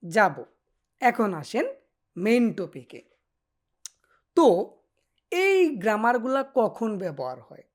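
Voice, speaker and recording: Patient woman teaching Korean grammar. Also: mid-range voice. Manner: patient, repeats example phrases slowly. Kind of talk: explaining grammar to Bengali speakers.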